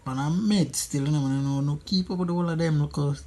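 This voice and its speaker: A man's voice: on the high side, fast talker, dark tone. A man with a Jamaican accent giving casual, humorous commentary, using Patois slang and repeating phrases for emphasis. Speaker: friend doing a makeup voice-over.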